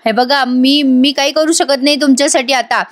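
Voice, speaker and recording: A woman's voice: high voice, fairly even intonation, normal speed, no room sound, clean studio sound, lightly acted. A woman narrator voicing a scheming middle-aged father-in-law who pleads and soothes to dodge blame. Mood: pleading.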